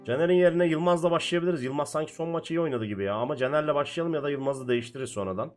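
An excitable gaming streamer calls a football match play-by-play, shouting encouragement at his players in rapid-fire bursts. His voice is fairly high, with faint music in the background.

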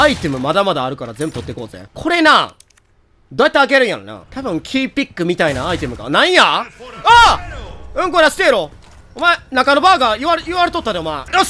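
A young man with a Kansai accent giving excitable, joking commentary on a game he is playing, with loud outbursts. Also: high voice, a little hiss or hum. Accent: Kansai Japanese. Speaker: gameplay commentator.

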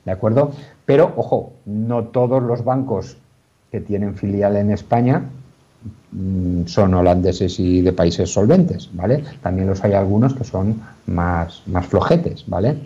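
Speaking from his office over a dull, lo-fi video call, a lawyer patiently explains a legal matter, with plenty of fillers and restarts. He has a mellow, dark, fairly low voice and talks a little slowly.

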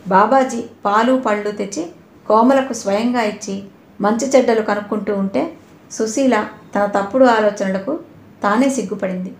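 A woman narrating an audio novel in a steady, expressive storytelling manner. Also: mid-range voice, normal speed. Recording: roomy echo.

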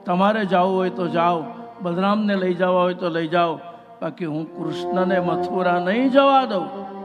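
A man's voice: high voice, normal speed, muffled recording, natural voice. A man voicing Yashoda, a middle-aged mother, speaking earnestly and beseechingly in a religious storytelling. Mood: pleading. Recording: reverberant hall, faint music.

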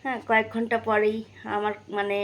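A woman's voice: on the high side, little pitch movement, fairly quick, low-quality recording. A young woman from West Bengal, chatting casually to her viewers in a vlog, with many fillers and restarts. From West Bengal, India. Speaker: vlogger.

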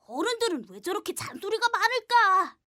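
A woman voicing an impatient young boy in an animated cartoon, whiny, cheeky and given to exclamations. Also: very high voice, fairly quick, dry recording, studio quality, heavily acted. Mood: grumbling.

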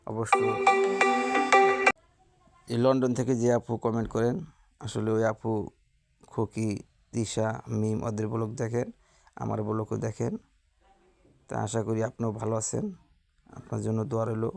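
A woman lifestyle vlogger with a Bangladeshi Bengali accent reads through viewer comments. Her voice has a gravelly, creaky edge and stays on a fairly flat, even line. She speaks slowly and earnestly, thanking each person by name. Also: rumbling low, soft background music.

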